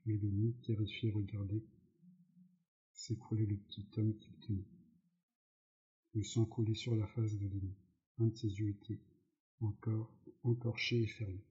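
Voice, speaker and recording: Male audiobook narrator, plain reading with stumbles, dark mellow voice, slow. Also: on the low side, level tone. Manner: slow reading with slips and self-corrections. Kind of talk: reading a novel aloud. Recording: dull lo-fi recording.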